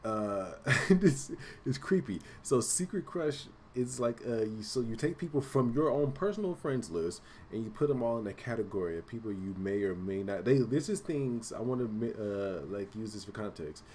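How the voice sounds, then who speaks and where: Low-voiced rambling podcast guy, late twenties. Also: animated, moderate pace, hardly any pauses, dark tone, slight background noise. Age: late 20s. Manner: rambling, profane, lots of fillers. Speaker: podcast co-host. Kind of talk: casual chat.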